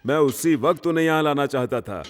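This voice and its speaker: A man's voice: on the high side, fairly quick, big-room sound, faint music behind, natural voice. A man dubbing the role of a worried, indebted village father who speaks earnestly and anxiously. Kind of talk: Hindi film dubbing.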